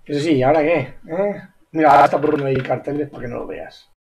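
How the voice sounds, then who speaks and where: A man giving casual gameplay commentary, excitable, repeating exclamations and squealing high when amazed. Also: fast talker. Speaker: gaming YouTuber.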